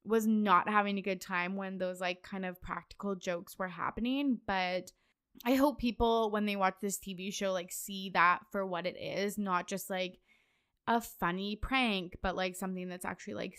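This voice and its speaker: A young woman talks through a casual solo podcast in a smooth, clean voice. She is chatty and loose, scattering fillers and breaking into quick laughs as she goes. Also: medium pitch, fairly bright tone. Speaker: podcast host.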